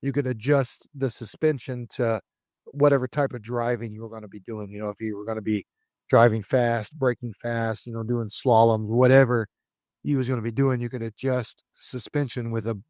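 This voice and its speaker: Brief: man, 40s, mid-pitched, reads dramatic lines then slides into casual asides; dry close mic. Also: steady tone, normal speed, darkish tone, no echo. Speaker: podcast co-host. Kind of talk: partly scripted history narration mixed with casual chat.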